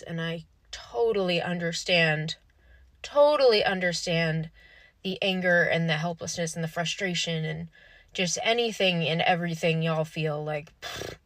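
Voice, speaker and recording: A woman's voice: fairly low pitch, fairly bright tone, no echo. A woman talking straight to her viewers in a vlog, impassioned and emphatic, swearing for emphasis. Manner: earnest, addresses viewers directly. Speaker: vlogger. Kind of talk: direct-to-camera vlog monologue.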